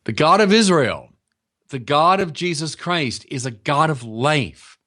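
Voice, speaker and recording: A man's voice: on the high side, lively intonation, a little slow, sharp tone. A man preaching a sermon in a conversational, emphatic way, repeating his key points.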